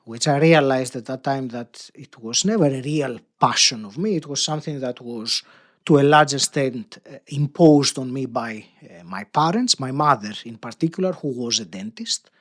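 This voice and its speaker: A man's voice: medium pitch, normal speed, fairly bright tone. Man in his fifties, reflective. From Greece. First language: Greek. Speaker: podcast guest, coach. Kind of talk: interview answers.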